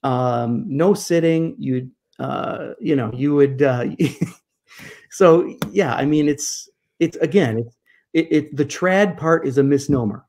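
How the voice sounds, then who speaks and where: Talking slowly in a somewhat high voice, a man in his fifties appears as a guest church historian in a conversational interview over video call, captured by his webcam. He sits in a home study lined with bookshelves, gesturing with his hands and posing emphatic rhetorical questions in an animated way.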